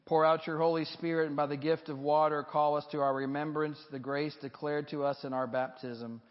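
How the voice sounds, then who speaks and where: A male pastor leading liturgy and prayer in measured, formal phrasing before a congregation, with a cathedral-like echo. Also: a little high, little pitch movement. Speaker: pastor leading a baptism reaffirmation service. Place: large reverberant church. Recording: muffled recording with long church reverb, cathedral-like echo.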